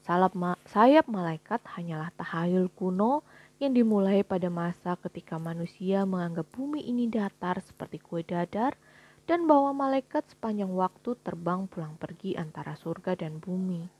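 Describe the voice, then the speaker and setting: A woman voicing a calm, patient angel who explains things evenly, in a storybook reading, with a breathy voice. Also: mid-range voice, moderate pace.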